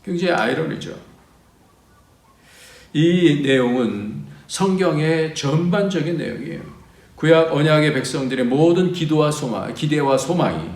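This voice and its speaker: A male pastor preaching a sermon. He preaches with a lot of animation, his pitch and volume swinging widely, and he reads scripture aloud at length. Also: expressive, normal speed, a little mellow, roomy sound.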